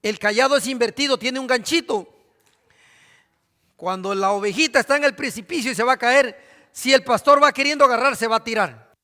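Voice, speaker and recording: A man's voice: extremely high pitch, a little fast, pushed and bright. A man preaching a sermon as pastor, asking his congregation questions. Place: church. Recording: reverberant church hall.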